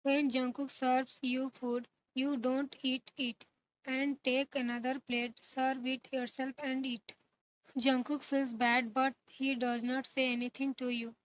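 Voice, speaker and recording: A woman narrates a fan-fiction romance in a high voice. Her reading is flat and monotone, with little rise and fall and odd pauses between phrases. The sound is dull and lo-fi.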